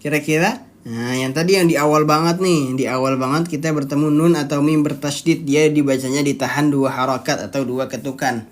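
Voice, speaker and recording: A teacher leading a live online Quran recitation lesson, explaining each rule step by step, quizzing the students and stretching out the recited words slowly to demonstrate them. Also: medium pitch, fairly even intonation. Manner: occasional throat clearing with apologies.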